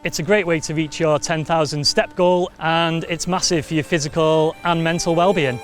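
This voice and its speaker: A Welsh presenter walks a coastal path outdoors, speaking to camera in an upbeat, conversational way about the travel walk. His voice is a little high, steady in tone, at normal speed, with faint, soft guitar music playing behind him.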